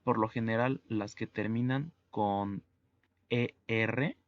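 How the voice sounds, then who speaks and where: Slow, gravelly-voiced male teacher. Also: lowish voice, fairly even intonation, no room sound, highs cut off. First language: Spanish. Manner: slow, methodical, spells out sounds letter by letter. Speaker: French teacher. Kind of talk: online language lesson.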